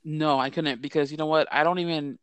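A man's voice: on the high side, steady tone, brisk, clear, resonant tone, dry recording. A man co-hosting a podcast, frank and profane, telling stories in casual chat. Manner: frank, storytelling, swearing. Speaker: podcast co-host.

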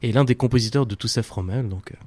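A man co-hosting a radio chat, eager to add jokes and little facts about films. His mid-pitched voice sounds dry and close on a studio microphone. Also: fast, dark tone, dry recording. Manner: chatty, chiming in with film trivia and jokes. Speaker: radio co-host.

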